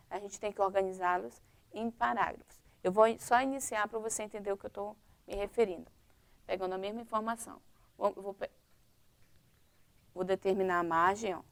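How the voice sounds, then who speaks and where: A woman's voice: mid-range voice, creaky. A woman teacher with a Brazilian Portuguese accent, explaining a primary-school lesson step by step and checking in with "tá?" and "ok?".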